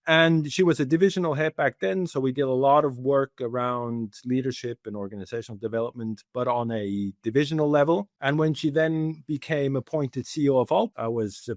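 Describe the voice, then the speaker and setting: A middle-aged man from Switzerland, a guest speaking in a relaxed, conversational way with frequent laughs in a podcast interview. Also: mid-range voice, brisk, hardly any pauses, dry recording, studio quality. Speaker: guest, head of organizational development.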